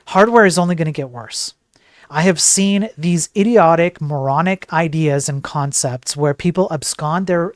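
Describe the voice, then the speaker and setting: On his livestream, a tech news streamer and programmer with a fairly high voice delivers emphatic, digressive opinions peppered with rhetorical questions. The studio-quality audio has no echo.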